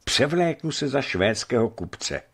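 A man's voice: medium pitch, very animated, creaky, slightly rough, voice pushed up, exaggerated voice. A man voicing a bold, jovial young companion who speaks boisterously. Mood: resolute. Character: hearty, bold young man, laughing and brave.

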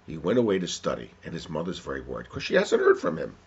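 Low raspy guy spinning a yarn, voice swings all over, kinda muffled recording. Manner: unhurried, animated delivery. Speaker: storyteller. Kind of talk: telling a joke story.

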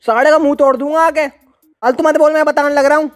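A young man with a Haryanvi accent, shouting abusively in a staged phone argument at home during a prank. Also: extremely high pitch, fairly even intonation, fairly quick.

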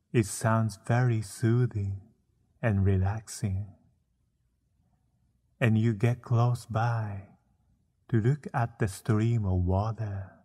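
A man narrating a guided meditation, soothing and unhurried, with frequent pauses between short phrases. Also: fairly low pitch, dark tone, breathy edge.

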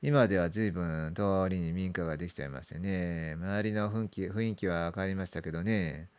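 A man's voice: sits low, normal speed, a little mellow, smooth. A middle-aged man narrating a creepy ghost story in the manner of a veteran storyteller, drawing out words, repeating phrases and letting sentence ends trail off. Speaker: amateur ghost story teller. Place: small dark room indoors.

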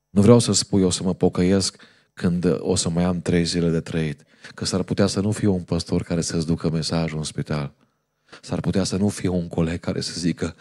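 A man's voice: sits low, darkish tone. A male pastor, preaching a fervent sermon in a church and telling a story to the congregation.

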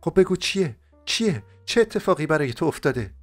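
A young heartbroken woman, voiced by a male reader, rises high and swings widely as she pleads. Her tender, tearful lines carry an audiobook's intimacy. Soft music sits faintly underneath. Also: animated. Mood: bewildered. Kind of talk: audiobook character voicing.

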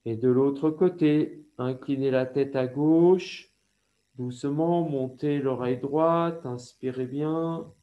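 A man with a French accent leading a yoga class over a video call, giving slow, calm instructions with breathing cues. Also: medium pitch, lo-fi sound. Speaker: yoga teacher.

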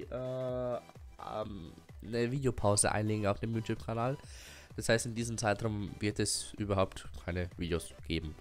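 Nursing a cold, a young man who streams and makes gaming YouTube videos rambles through a casual channel update at medium pitch. He chuckles often and fills his talk with fillers and restarts.

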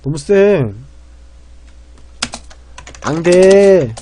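Man, game streamer, fairly high voice, excitable, rambling, loud bursts then mutters, keyboard clatter behind. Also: drawn-out words, slight background noise. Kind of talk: live game commentary.

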